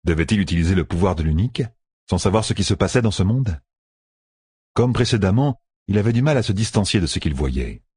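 Deep, husky male audiobook narrator. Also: a little fast, no echo, clean studio sound. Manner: expressive, storytelling. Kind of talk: scripted fantasy narration.

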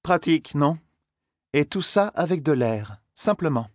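A man's voice: fairly high pitch, animated, a little slow, dry recording. A powerful older sorceress ruler speaks with cool, mocking condescension, as a man voices her. The sound is close and dry, in the style of a dramatized audiobook. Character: stern, powerful older woman leader of a sorcerous order.

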